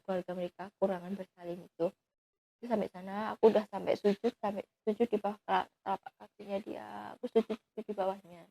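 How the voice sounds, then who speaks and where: A woman's voice: mid-range voice, creaky, warm tone, rough recording. Young woman pouring out an emotional story. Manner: earnest, pleading, often trailing off with fillers. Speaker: guest telling her story. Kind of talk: emotional personal account.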